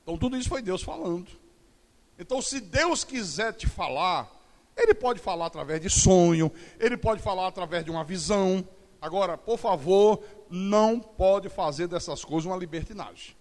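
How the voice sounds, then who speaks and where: A man's voice: sits high, animated, moderate pace, darkish tone, big-room sound. A middle-aged male pastor preaching a sermon, telling stories with acted-out dialogue and humor. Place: church.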